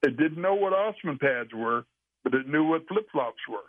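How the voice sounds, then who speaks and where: A man telling a long story as an interview guest, rambling and halting with frequent restarts. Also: a little high, animated, no echo. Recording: dry, tinny phone line.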